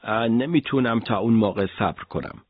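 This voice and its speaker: A man voicing Hassan, an earnest and steady male villager who fights alongside the storyteller, in a read-aloud audiobook. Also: lowish voice, breathy edge. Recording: dull lo-fi audiobook recording.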